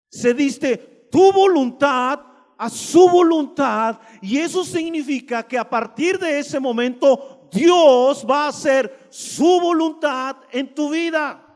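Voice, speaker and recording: High-voiced preacher in echoing hall. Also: male voice. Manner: emphatic, addresses listeners directly with rhetorical questions. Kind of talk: sermon. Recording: long hall reverb.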